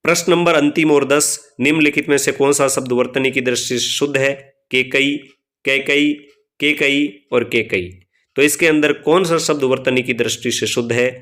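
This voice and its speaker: A man teaching Hindi grammar, reading out quiz questions and explaining each option one by one, slowing down to spell out letters and addressing viewers as friends. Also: mid-range voice, a bit bright. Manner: slows down to spell out letters and vowel signs. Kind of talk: spoken quiz walkthrough lesson.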